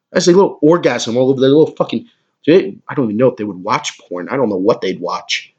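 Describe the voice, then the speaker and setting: A man ranting crudely and mockingly as a comedy podcast host, with a husky voice. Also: mid-range voice, a little fast, a little mellow. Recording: dull lo-fi recording.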